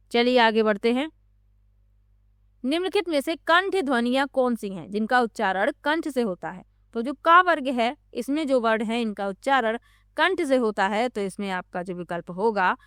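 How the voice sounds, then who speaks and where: A woman's voice: a little high, a bit bright, clean tone, dry recording, studio quality. A woman teacher going through exam questions one by one, reading out the options and then explaining the right answer.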